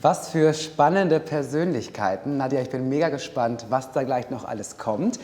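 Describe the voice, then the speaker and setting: A man's voice: medium pitch, normal speed, a little mellow. A man hosting a live event, chatty and enthusiastic as he moderates. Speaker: host. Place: project room in Berlin. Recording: reverberant room sound.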